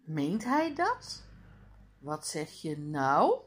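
A woman's voice: deep voice, huge pitch swings, very slow, breathy edge, heavily acted. A woman doing an indignant young schoolboy. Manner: surprised, scolding.

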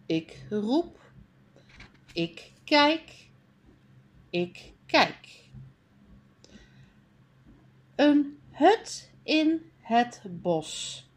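Female reading teacher; unhurried, deliberate delivery, clearly sounded-out words, animated pitch. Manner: clearly sounded-out words with pauses between them. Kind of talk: slow read-aloud of a beginner reading lesson.

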